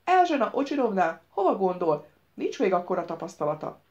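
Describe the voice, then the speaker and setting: A woman's voice: mid-range voice, very animated, darkish tone, muffled recording, close to an everyday voice. A woman reading an audiobook, voicing an older male police major who speaks in a doubtful, questioning way. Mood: alarmed.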